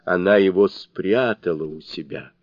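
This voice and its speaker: A man voicing a huge bull demon king who has been defeated, pleading in a low, subdued, lowing voice. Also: measured pace, no room sound. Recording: dull lo-fi dry recording.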